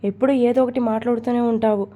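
A woman's voice: fairly high pitch, fairly even intonation, rapid-fire, warm tone, lightly acted. A woman doing a sulky young husband. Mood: teasing.

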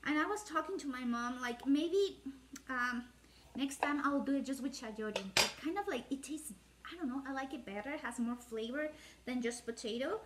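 A home cooking channel host whose first language is Spanish chats casually while showing a cooking technique in her kitchen, rambling with many fillers and self-corrections. Her voice is high and moderately paced. A phone or camera on the counter frames her from the waist up, and the background is noisy.

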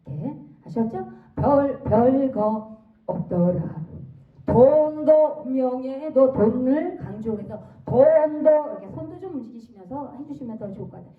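A woman's voice: high voice, animated, a little slow, reverberant, distant mic, narrow, tinny audio. A woman teaching a song class, singing short phrases, counting in and patiently correcting how they are sung. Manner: patient, demonstrating lines then correcting them. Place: senior welfare center class video.

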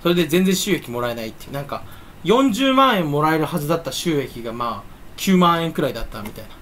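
A man's voice: fairly high pitch, big pitch swings, quick pace, fairly bright tone, a little hiss or hum. A YouTuber chatting on his own in a casual, playful, rambling way, with a stuffy nose and a habit of slipping into silly voices. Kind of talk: casual solo chat.

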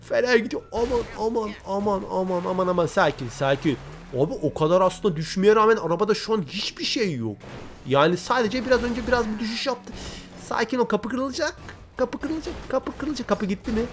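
A man hosting a gaming channel, giving chatty, excitable commentary and talking straight to his viewers. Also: sits high, slight background noise. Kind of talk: casual gameplay commentary.

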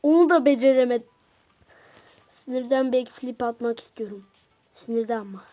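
A woman giving let's play commentary to her viewers, excitable and slangy, repeating phrases in quick bursts. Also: on the high side, soft background music. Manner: slangy casual talk to viewers. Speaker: gamer.

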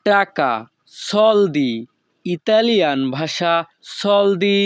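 Slow, clear-voiced male language teacher. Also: high voice, expressive, dry recording. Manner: slow, repetitive word-by-word drilling. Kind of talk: vocabulary drill lesson.

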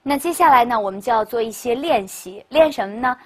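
A woman giving a classroom grammar lecture as a teacher, lively and full of questions to the class. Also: fairly high pitch, a little fast. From China. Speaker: English teacher.

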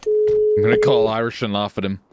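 Fairly low-pitched and a little fast, this male streamer swears and jokes through cocky, excitable roleplay chat during a video game. The recording is very noisy.

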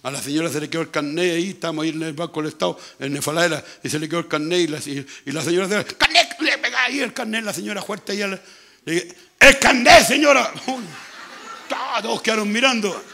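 A man with a Chilean accent preaching a sermon as pastor, with a hoarse, gravelly voice, talking loudly and repeating himself as he goes. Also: fairly high pitch, racing. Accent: Chilean Spanish. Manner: speaks loudly, conversational preaching with frequent repetition. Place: church.

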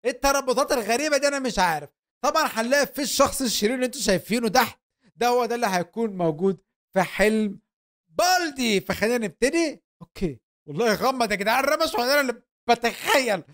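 Egyptian guy doing let's play commentary, high voice, fast and hyped, joking around. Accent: Egyptian Arabic. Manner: excitable, joking, talks to viewers. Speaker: gaming channel host.

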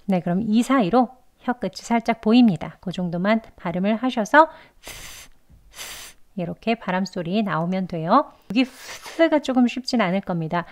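A woman teaching English pronunciation in a lesson, patiently modeling words and asking learners to repeat after her. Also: a little high.

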